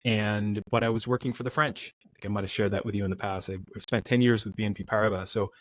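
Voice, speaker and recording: Talking fast in a fairly low voice, a middle-aged man from the United States shares career stories as a guest on a casual podcast interview. He's a relaxed storyteller with an American accent who frequently starts his sentences over.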